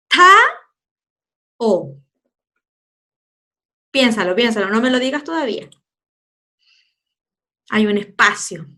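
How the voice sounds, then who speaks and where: A woman teacher giving a recorded lesson to young children, stretching out sounds slowly and playfully. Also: fairly high pitch, a bit bright. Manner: slow, drawn-out pronunciation of sounds, playful.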